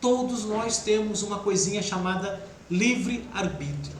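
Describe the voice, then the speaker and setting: A man with a Brazilian Portuguese accent giving an informal spiritist talk, acting out everyday speech in quick quoted asides. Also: high-pitched, expressive. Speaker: spiritist lecturer. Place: spiritist center hall. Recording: echoey room with faint noise.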